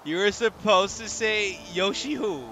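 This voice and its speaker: A man streaming a video game live, reacting excitedly, chatting with viewers and swearing casually. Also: high-pitched, a little slow. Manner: excitable, chatty, talks to chat. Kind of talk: live gameplay commentary. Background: game music.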